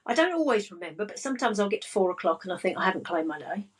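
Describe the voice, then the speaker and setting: Woman, breathy, slow and grounded delivery, podcast guest coach. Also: medium pitch, big pitch swings, rough recording. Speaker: spiritual business and money coach, guest. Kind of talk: casual podcast chat.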